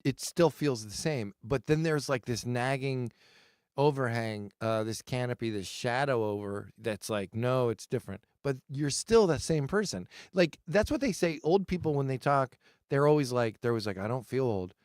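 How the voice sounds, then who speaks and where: A man in his forties, chatting loosely on a live stream, rambling with halting restarts and self-deprecating asides. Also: mid-range voice, animated, a little mellow, clear, resonant tone, no echo, studio quality. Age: 40s. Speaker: streamer host. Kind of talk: casual live-stream chat.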